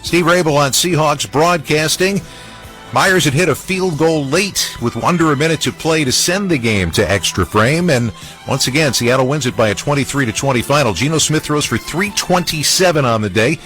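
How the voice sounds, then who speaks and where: Male highlight-show host, higher voice, emphatic scripted recaps, light music bed. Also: expressive, moderate pace, a bit bright. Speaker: sports radio host.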